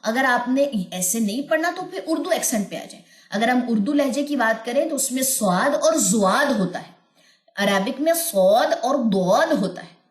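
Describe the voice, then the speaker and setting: A woman's voice: on the high side, lively intonation. Woman, recitation teacher, patient, melodic chanting, roomy echo. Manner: explains patiently, then chants verses slowly and melodically. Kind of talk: recorded online lesson.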